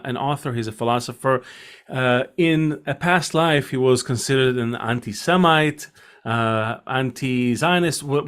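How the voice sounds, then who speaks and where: A man hosting an interview show who speaks hesitantly and often pauses between phrases. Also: medium pitch, smooth. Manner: hesitant, full of fillers and restarts. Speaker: podcast host.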